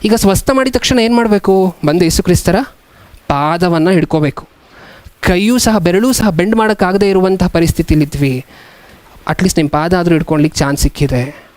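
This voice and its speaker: A man preaching a sermon as a pastor, asking the congregation many questions and reading scripture slowly. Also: sits high, darkish tone, no room sound.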